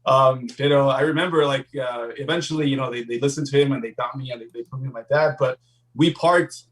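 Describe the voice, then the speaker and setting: Man, podcast co-host, rambling storyteller, quick pace, slightly distant mic. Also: mid-range voice, fairly even intonation. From Guatemalan-American family, Southern California. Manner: rambling, mixes English and Spanish. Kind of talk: casual storytelling chat.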